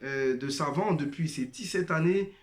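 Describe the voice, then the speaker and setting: In an echoey room, a man with a fairly high voice and moderate pace shares his testimony as a former member. His monologue, aimed at brothers and sisters, is hesitant and full of fillers and restarts. He isn't a native Arabic speaker.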